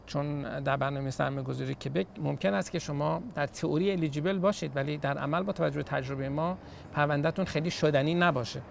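Gravelly-voiced man explaining patiently. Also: a little high, a little hiss or hum. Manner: patient, explanatory, uses everyday analogies, frequent hesitation fillers. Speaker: immigration consultant answering viewer questions. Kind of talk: call-in style Q&A, explaining.

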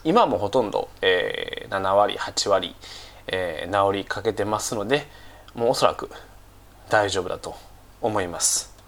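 A man with a somewhat low voice gives a casual English lesson, still a little stuffy-nosed from a cold. He talks unhurriedly, with plenty of fillers. He repeats each key phrase slowly and carefully. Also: lively intonation, a bit bright. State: slightly stuffy nose, recovering from a cold. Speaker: English teacher.

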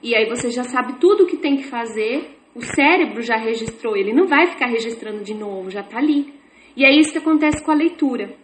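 A woman's voice: fairly high pitch, animated, a little fast. A woman teaching an informal online class, explaining with repetitive, chatty everyday examples. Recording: echoey room with faint noise.

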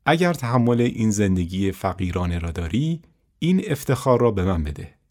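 A man narrating a folk tale voices a kind, poor old woman who speaks in a warm, welcoming way. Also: fairly low pitch, big pitch swings. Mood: kindly.

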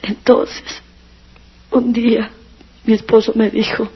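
A woman's voice: fairly high pitch, little pitch movement, takes it slowly, slightly rough. A woman giving a personal religious testimony, earnest and emotional, sometimes near tears, on a dull lo-fi recording.

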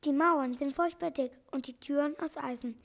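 A woman's voice: high-pitched, normal speed, gravelly. A woman voicing a small animal in a storybook, lamenting in a weepy, despairing way.

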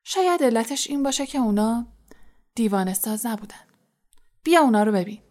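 A woman voicing a calm, kindly male teacher in an audiobook, speaking quietly with gentle amusement. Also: fairly high pitch, lightly acted. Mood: amused.

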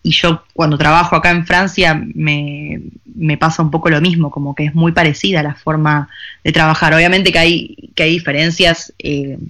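A young woman from Buenos Aires with an Argentine accent, answering interview questions thoughtfully with many pauses and fillers. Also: deep voice, steady tone, a bit bright. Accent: Argentine Rioplatense Spanish. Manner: thoughtful, hesitant, frequent fillers and restarts. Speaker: filmmaker interviewee.

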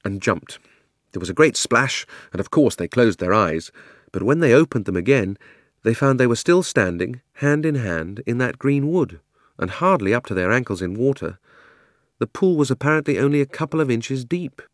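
A man narrating a children's story in a gentle, unhurried way. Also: mid-range voice, lively intonation, dry recording, studio quality. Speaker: audiobook narrator. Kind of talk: storybook reading.

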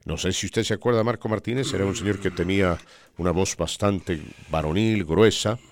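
A man with a very low voice tells a long anecdote, rambling a bit and checking in with his listener along the way. The sound is dry and close, with no room around it. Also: fairly quick, no room sound. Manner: rambling anecdotes with frequent "¿no?" tags. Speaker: radio sportscaster. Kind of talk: storytelling on a podcast.

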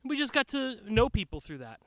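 Here the voice is extremely high with big pitch swings, fast, and without room sound. It belongs to an American wrestler and manager guesting on a podcast outdoors in a shaded backyard, telling casual anecdotes with jokes and repeated words for emphasis.

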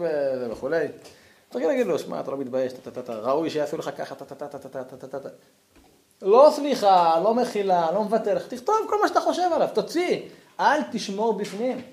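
A man teaching a class with a bright, highish voice that leaps up and down as he acts things out. The room is echoey and reverberant around him. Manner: animated, acts out angry letters, jumps high in pitch. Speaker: Torah teacher. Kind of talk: lively classroom lecture.

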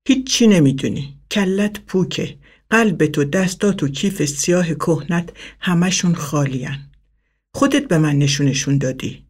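Man voicing a furious bedridden old woman. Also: high voice. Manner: snapping, shouting insults.

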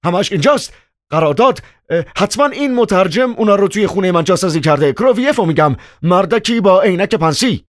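Guy doing a panicky building manager, shouting high and shrill, dry close audiobook sound. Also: expressive, hardly any pauses, no room sound. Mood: panicked. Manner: frantic shouting. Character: panicky middle-aged male building manager.

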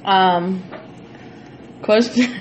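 A woman chats casually as a podcast co-host, teasing and swearing freely. Her voice sits at an average pitch, caught from a little way off on an open mic, with some light noise in the background. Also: fairly even intonation, extremely slow, low-quality recording. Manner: foul-mouthed, teasing.

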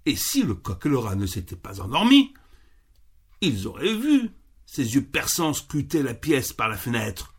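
A man reading a children's story aloud with expressive, unhurried storytelling. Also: mid-range voice, slightly rough.

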